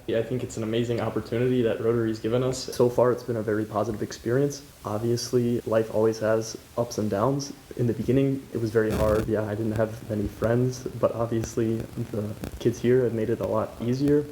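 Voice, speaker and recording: A teenage exchange student from the United States with an American accent, talking in a relaxed, matter-of-fact way. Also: male voice, mid-range voice, a little hiss or hum, low-quality recording. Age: late teens.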